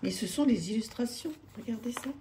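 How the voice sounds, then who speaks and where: A woman's voice: a little high, animated, a little fast, noisy background. A woman, chatting to camera about her tarot decks, hesitant with many fillers and restarts, enthusiastic. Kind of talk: casual chat to camera. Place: home room with street noise outside.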